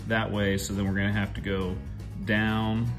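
A man in his thirties chats casually into a handheld camera, first from a car and then out on open prairie. He is easygoing and pauses with fillers and restarts as he thinks aloud. Music plays clearly beneath his voice. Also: fairly low pitch, flat delivery. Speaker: travel vlogger. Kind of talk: casual travel vlog. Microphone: handheld camera at arm's length.

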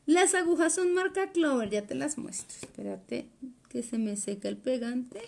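Working at the cutting table in an indoor workroom, a sewing instructor from Colombia talks her way through a live class, chatty and explaining each step by hand. She has a high, gravelly, darkish voice and a moderate pace.

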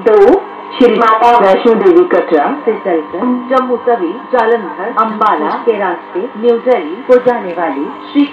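A woman making a formal railway announcement over a station loudspeaker, heard from far off. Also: medium pitch, normal speed, reverberant, lo-fi sound, crowd noise.

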